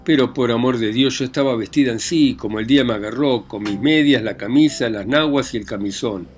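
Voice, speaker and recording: A man reading aloud voices a defiant, grieving young country widow who answers with sharp, indignant retorts. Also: fairly low pitch, normal speed, soft background music, close to an everyday voice. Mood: pleading.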